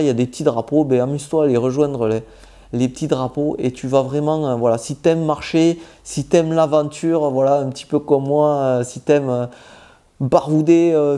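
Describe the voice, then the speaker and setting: A man's voice: a little high, warm tone. A man with a southwestern French accent giving casual, informal travel tips straight to the viewer, with many hesitations as he talks. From southwest France. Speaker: travel vlogger.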